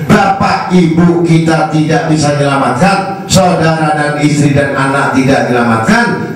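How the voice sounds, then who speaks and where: A man preaching an Islamic sermon to a women's group, asking the audience rhetorical questions in a swooping, animated delivery. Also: medium pitch. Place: prayer hall. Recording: very echoey hall, voice from far off, faint hiss.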